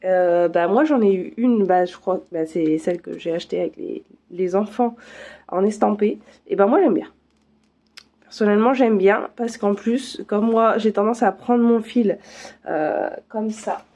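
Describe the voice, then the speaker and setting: A woman's voice: medium pitch, measured pace, dark tone. A woman vlogger chatting casually through a craft unboxing, full of fillers and restarts.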